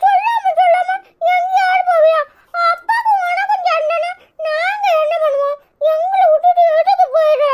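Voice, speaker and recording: A woman's voice: very high voice, normal speed, a little mellow. A woman voicing a small boy in a cartoon who whines tearfully at his mother in a Tirunelveli Tamil accent. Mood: tearful, reproachful. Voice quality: whiny, tearful. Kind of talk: cartoon voice acting.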